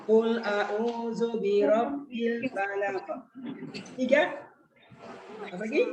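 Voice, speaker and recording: A man teaching a Quran lesson in an online webinar, putting questions to his listeners and slowing right down when he recites. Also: very high-pitched, echoey room, dull audio, background noise. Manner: questions the audience, slow drawn-out recitation. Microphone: video call.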